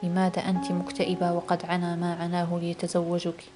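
A woman's voice: on the low side, monotone, fast, music in the background, natural voice. A woman reading the part of a tense young husband pressing his wife with questions in an audiobook.

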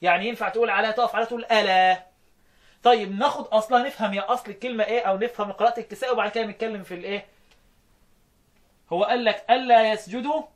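A man with an Egyptian Arabic accent teaching Quran recitation rules, often questioning his students and chanting verses slowly. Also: sits high, fairly even intonation. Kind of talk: explaining recitation rules in a lesson.

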